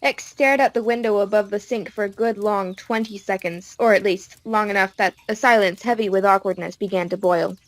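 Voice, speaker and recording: A woman narrating an audiobook in a steady storytelling manner. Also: medium pitch, a little fast, hardly any pauses, no echo, poor audio.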